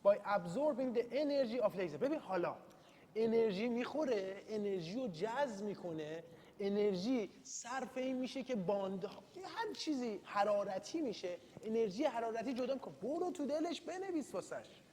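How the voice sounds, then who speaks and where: A male lecturer with a high, darkish voice and lively intonation chats his way through an informal study session, self-deprecating throughout and mixing in read-out English terms. The classroom sounds reverberant, with quiet background noise.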